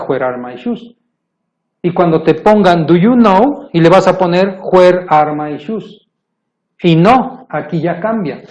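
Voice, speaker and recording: Man, English grammar teacher, slightly high voice, repeats himself, slows for examples, dull lo-fi sound. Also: a little mellow. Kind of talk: explaining grammar to viewers in Spanish.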